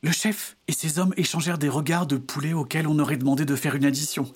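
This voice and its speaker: A man reading a storybook tale as narrator with steady, vivid telling. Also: fairly high pitch, fast, breathy edge.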